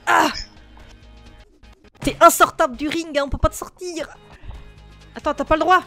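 A high-pitched woman plays a brawling video game with a friend, rowdy and playful, laughing and shouting as she goes. Game music plays faintly behind her. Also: steady tone, moderate pace. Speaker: gaming YouTuber. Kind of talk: casual let's play chat.

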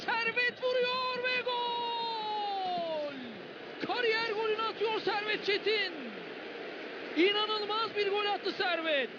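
Screaming male football commentator, very high-pitched. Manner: excited screaming delivery, drawn-out goal calls. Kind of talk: live football match commentary. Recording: muffled, very noisy broadcast audio.

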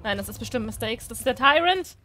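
Woman streamer, high bright voice, rambling and easily spooked. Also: animated, fast talker. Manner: chatty, jumpy, squeals and pleads when scared. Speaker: gaming streamer. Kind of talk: casual let's-play commentary.

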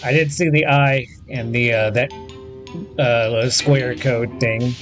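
Taking it slowly, a medium-pitched man in his thirties with fairly even intonation rambles casually while playing a video game for his gaming videos. Faint game music and game audio play behind him.

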